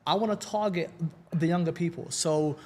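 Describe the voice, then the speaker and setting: A Londoner with a London accent is a guest on a casual podcast interview, his voice slightly high and warm at a moderate pace. He comes across upbeat and chatty, often repeating words as he launches into a sentence.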